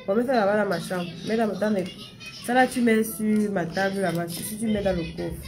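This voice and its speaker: On a casual live stream with background music, a young woman answers her viewers, talking to them directly in a chatty manner. She speaks at a moderate pace in a mid-range voice, repeats phrases, and mentions that her slight stammer has eased.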